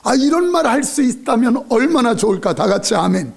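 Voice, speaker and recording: A male pastor preaches a sermon in a lively, joking, emphatic manner, frequently acting out what people say. His voice is very high-pitched and gravelly, his pace fairly quick, and background noise is present.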